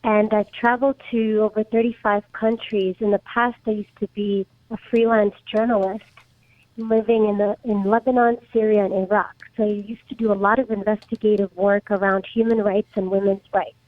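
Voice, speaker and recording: A woman in her thirties talks through her answers on a tinny, phone-like line. She is from the Czech Republic and often pauses and restarts her sentences. The sound is dry, with no room around it. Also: medium pitch, level tone, no room sound. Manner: hesitant, many restarts and fillers. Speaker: startup guest. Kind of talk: casual interview answers.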